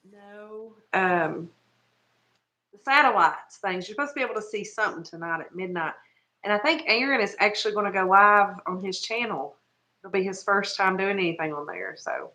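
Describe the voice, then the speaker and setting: Bright chatty woman. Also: mid-range voice, moderate pace. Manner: chatty, searches for words, laughs often. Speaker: guest, small business owner. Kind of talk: casual chat.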